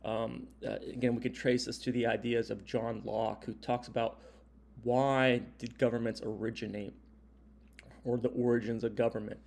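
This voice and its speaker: A man's voice: mid-range voice, level tone, normal speed, gravelly, darkish tone. American man teaching an informal recorded lecture. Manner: explanatory, punctuates points with check-in tags like "right?" and "okay?". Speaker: history and government teacher.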